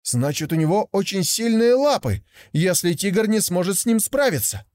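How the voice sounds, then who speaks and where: A naive, hot-headed young tiger , as a man puts him on speaks in a high, lively voice. He swoops about as he exclaims and asks. The sound is close and dry. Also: normal speed, dry recording. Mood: insistent.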